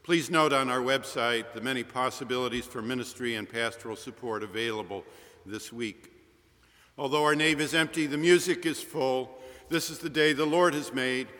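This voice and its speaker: A man's voice: mid-range voice, bright, forceful tone. Man, minister, solemn liturgical reading, cathedral echo, empty church, long reverb. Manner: measured, solemn. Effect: cathedral echo of an empty church nave. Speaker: minister leading worship.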